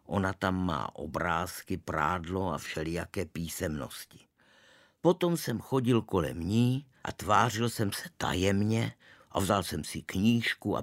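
A man narrating a children's story in the first person, in a deadpan storytelling manner. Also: deep voice, no echo, clean studio sound.

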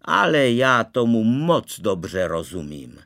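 A man reading a storybook aloud, voicing a fussy, preachy middle-aged aunt in a thin, shrill, indignant voice. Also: big pitch swings, gravelly, a bit bright. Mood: offended.

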